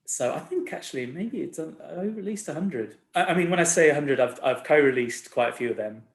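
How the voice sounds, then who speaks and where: A man's voice: a little high, lively intonation, a little fast. A man in his forties, a record label owner, chatting casually as a guest in a laid-back, rambling, self-deprecating way. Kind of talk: casual chat. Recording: roomy echo.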